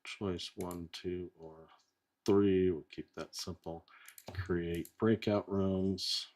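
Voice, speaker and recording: Deep, slow-talking man host. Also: fairly even intonation, darkish tone. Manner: unhurried, thinks aloud while clicking through settings. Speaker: host running a live software test. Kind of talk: casual working chat.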